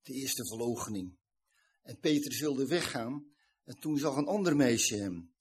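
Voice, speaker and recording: A man with a slightly husky, breathy voice delivers a sermon. He retells a scripture scene in an earnest, explanatory way, at a moderate pitch for a man. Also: expressive, measured pace. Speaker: preacher.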